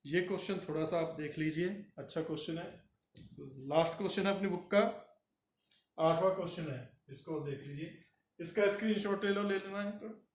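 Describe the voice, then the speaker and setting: A man teaching chemistry, working a problem step by step and doing the arithmetic aloud. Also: high voice. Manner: slow, talks through arithmetic aloud. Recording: roomy echo from far off the mic.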